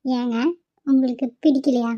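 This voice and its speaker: A woman voicing an affectionate young wife in a cartoon, speaking softly. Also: high voice, level tone, moderate pace, no echo, natural voice. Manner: soft, affectionate. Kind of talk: cartoon voice acting. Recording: muffled lo-fi recording.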